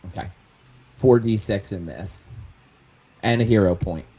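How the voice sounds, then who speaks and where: A man's voice: lowish voice, a little slow, mellow, slight background noise. A man taking part as a player in a tabletop game, thinking aloud and restarting his sentences. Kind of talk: casual tabletop play.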